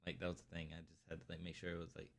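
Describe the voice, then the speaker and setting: A man's voice: low voice, completely flat delivery, rapid-fire. A man co-hosting a podcast in casual chat, rambling with lots of fillers and sounding tired. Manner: rambling, heavy use of filler "like". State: tired, yawning. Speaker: podcast co-host.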